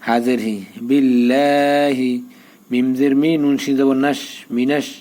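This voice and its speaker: A man teaching the spelling of the Quran, drilling letters and vowel marks and then chanting each verse slowly. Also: mid-range voice, level tone, dark tone. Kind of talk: spelling lesson in Quran recitation.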